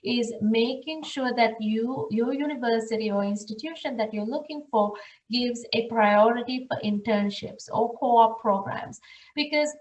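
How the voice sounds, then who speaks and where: A woman's voice: fairly high pitch, a little hiss or hum. A woman from Sri Lanka who directs international programs, giving earnest advice in a webinar presentation and asking the audience questions. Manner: earnest, advising, rhetorical questions. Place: room, recorded for an online webinar. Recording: echoey room, far from the mic.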